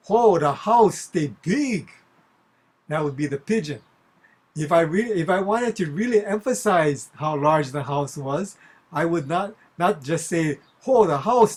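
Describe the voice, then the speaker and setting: A man's voice: on the high side, slightly rough. A man from Hawaii, teaching a verse-by-verse Bible study and patiently explaining, often restarting his phrases.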